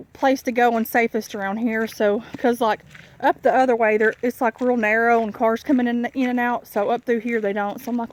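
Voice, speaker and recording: A woman chatting casually and candidly in a rambling, folksy way while recording a walking vlog on a country dirt road. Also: on the high side. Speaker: vlogger. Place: outdoors on a rural dirt road. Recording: noisy outdoor country recording. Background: clear outdoor noise.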